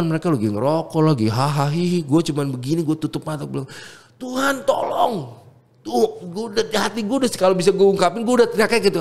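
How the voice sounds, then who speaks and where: A man's voice: on the high side, creaky. Fervent man. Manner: fervent, animated storyteller, mixes English words into slang. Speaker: music producer guest. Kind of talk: emotional personal testimony in casual chat.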